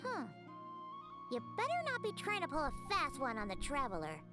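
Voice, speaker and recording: Squeaky, sassy little fairy Paimon. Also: female voice, huge pitch swings, fairly quick. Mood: sassy, suspicious. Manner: squeaky, sassy, exaggerated third-person talk. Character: tiny childlike female fairy companion, chirpy and suspicious. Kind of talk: anime game voice acting. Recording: music behind the voice.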